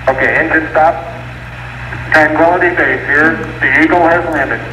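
A man giving clipped, steady descent callouts over a crackly space radio transmission with beeps. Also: a little high, moderate pace. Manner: clipped, steady, matter-of-fact numbers. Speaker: astronaut calling out descent. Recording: distant echoey archival radio with faint noise.

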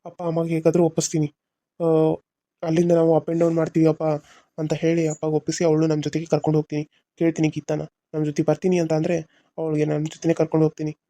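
A man's voice: a little high, completely flat delivery, fast, mellow, no room sound, lightly acted. A man voicing a moody young husband in a cartoon serial, brooding and harsh by turns. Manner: brooding, harsh, then pleading. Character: young husband, moody, torn between two women.

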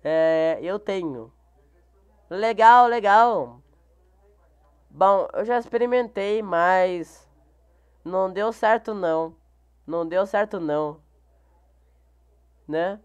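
A man's voice: high-pitched, takes it slowly, long pauses, clear, resonant tone, muffled recording. A male live streamer with a Brazilian Portuguese accent, chatting casually during a game stream and greeting viewers by name, repeating each greeting. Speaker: live streamer reading chat.

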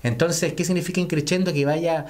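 A man's voice: on the high side, fairly even intonation, a little fast, a little mellow. A male vocal coach explaining singing technique, speaking to viewers as friends and breaking into short sung demonstrations.

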